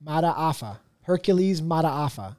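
A man hosting a podcast in casual chat, playful and quick to laugh while teasing his friends. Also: a little high, expressive, dark tone, dry recording, clean studio sound. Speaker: podcast host.

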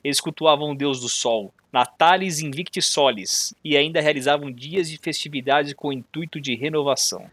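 A man's voice: on the high side, moderate pace, hardly any pauses, a bit bright, no room sound. A man with a Brazilian Portuguese accent chatting casually as a co-host, in a contrarian, explanatory way. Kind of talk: casual chat.

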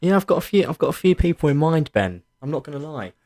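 A man co-hosting a sports podcast in relaxed, informal conversation. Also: fairly high pitch, fast. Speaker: podcast co-host. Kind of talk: casual sports podcast chat.

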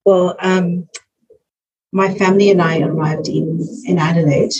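A woman's voice: lowish voice, steady tone, a little slow, a little mellow. A middle-aged woman from South Africa answering conversationally as a podcast interview guest. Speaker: podcast guest, children's ministry worker. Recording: muffled distant mic, faint noise.

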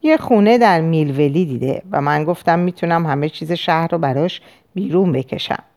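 A woman voicing an anxious middle-aged male banker patient who recalls events haltingly. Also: sits low, darkish tone. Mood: hesitant. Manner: hesitant, halting recollection.

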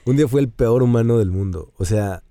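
A man with a Mexican Spanish accent co-hosting a casual chat about dogs, animated and acting out what people say. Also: mid-range voice, a little fast, no room sound. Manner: animated, acts out quoted dialogue in a raised voice. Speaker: co-host.

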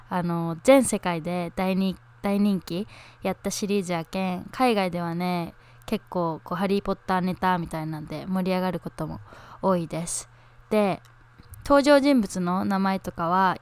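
A woman's voice: medium pitch, clean tone, no room sound. Chatty young woman podcast host. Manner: chatty, upbeat, many fillers. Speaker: podcast host and lifestyle coach. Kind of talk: casual podcast chat.

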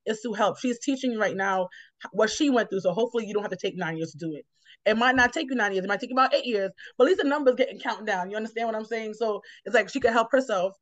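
In a casual reflective conversation, a woman from New York hosts and explains things in a rambling, encouraging manner. Her voice is on the high side and her pace quick. The audio has no echo and sounds dry, lo-fi, and a little dull.

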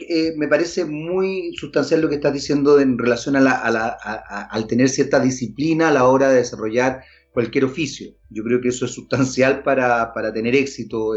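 A man hosting a podcast, asking long, hesitant questions full of restarts and fillers. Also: fairly high pitch. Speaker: podcast host. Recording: dull lo-fi audio.

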